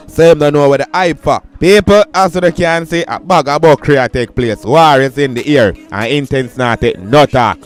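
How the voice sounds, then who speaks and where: A Jamaican man talks through dancehall news in a chatty patois and keeps turning to his viewers. His voice sits a little high for a man and comes through smooth and resonant. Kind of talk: YouTube commentary.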